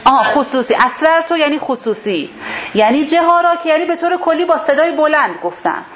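A woman's voice: high-pitched, lively intonation, a bit bright. A woman leading a religious class, explaining a verse step by step and rephrasing its terms. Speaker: Quran teacher. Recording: dull lo-fi sound with faint hiss.

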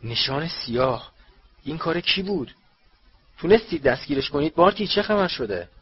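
A man's voice: mid-range voice, expressive, breathy edge. A man voicing a flustered, jovial middle-aged male official firing off breathless questions, on a dull lo-fi recording. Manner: breathless, rapid-fire questions.

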